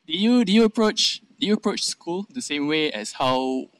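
A man's voice: fairly high pitch, animated, normal speed, no room sound, low-quality recording. A young man with a Singaporean accent, asking casual interview questions in Singlish, tentatively rephrasing as he goes.

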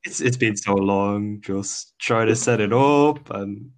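A man's voice: fairly low pitch, takes it slowly. A man co-hosting a casual podcast chat, joking around and laughing often. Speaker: podcast co-host.

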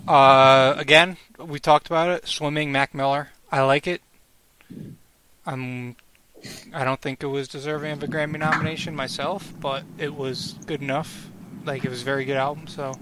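A man's voice: fairly high pitch, flat delivery, moderate pace, noisy background. A man hosting a casual podcast, moving the group through its list. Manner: upbeat, moderating. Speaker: podcast host.

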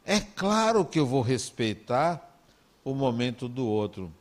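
A man with a Brazilian Portuguese accent, giving a talk in an animated, conversational storytelling way. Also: medium pitch, measured pace. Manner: animated, conversational, acts out dialogue.

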